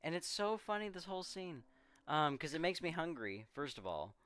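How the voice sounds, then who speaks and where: A man in a casual podcast chat, walking through a movie scene by scene and dropping into quick quoted lines for the characters. His voice is smooth and resonant, recorded close and dry with no room sound. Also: a little high, big pitch swings, fairly bright tone, no echo. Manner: rambling, retells scenes with quoted voices and laughs. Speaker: podcast co-host.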